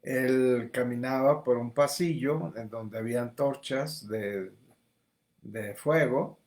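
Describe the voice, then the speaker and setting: A male spiritual teacher delivers a livestreamed lesson at a very unhurried pace. His voice sits at an ordinary middle pitch, and he talks deliberately, circling back and repeating words as he builds each point. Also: darkish tone. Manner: slow, deliberate, with frequent repetitions.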